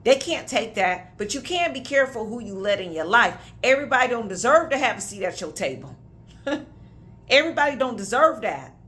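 A woman's voice: a little high, lively intonation, normal speed, fairly bright tone. A woman, preaching a prophetic sermon with emphatic conviction and casual asides. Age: 30s. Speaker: minister.

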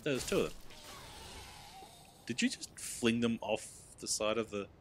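A man's voice: medium pitch, moderate pace, slight background noise. A man co-hosting a let's play, joking and telling stories over gameplay. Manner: jokey storyteller, bursts into loud laughs. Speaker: co-host of a game let's play. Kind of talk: casual gameplay chat.

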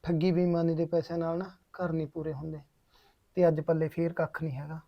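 A man's voice: fairly high pitch, flat delivery, vocal fry, dull audio. A man playing a remorseful young kidnapper. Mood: sorrowful. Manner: halting, confessional, repeats phrases. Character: young male kidnapper, poor, bitter and remorseful. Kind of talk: short film drama acting.

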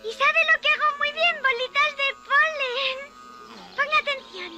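High childlike cartoon girl bee. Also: unhurried, very noisy. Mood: eager, polite. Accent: European Spanish. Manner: childlike, exclamatory. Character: eager giant young girl honeybee, friendly and indignant. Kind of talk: dubbed children's cartoon acting. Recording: loud music behind the voice.

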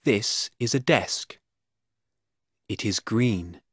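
A man's voice: fairly low pitch, animated, drawn-out words, slightly rough, no echo, studio quality. A man reading numbers and short, simple sentences as scripted coursebook audio for children. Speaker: coursebook announcer and reader.

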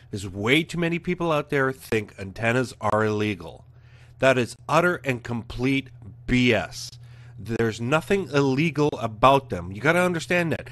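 A blunt, emphatic man in his forties, hosting a casual rant from his living room. He talks straight into a studio mic at a middling pitch, pressing his points hard. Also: a bit bright, no room sound. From Canada. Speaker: host. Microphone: studio mic in front of webcam.

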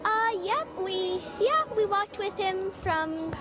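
A woman's voice: very high-pitched, animated, slow. A young girl speaking earnestly about her grandfather in a shopping mall interview. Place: large indoor shopping mall.

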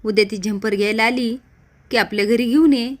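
A woman voicing a bossy older village wrestler and family head who scolds loudly while recapping a serial. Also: a little high, a little fast, close to an everyday voice.

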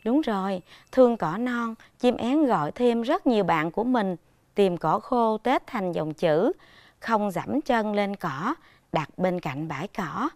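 A woman primary school teacher giving a televised reading lesson to young children, speaking patiently and enunciating clearly. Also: medium pitch, animated, unhurried, a little mellow, no echo.

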